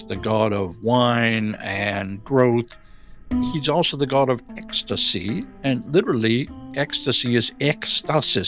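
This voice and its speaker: A man's voice: mid-range voice, a bit bright. A man who is a professor, giving thoughtful, explanatory expert commentary.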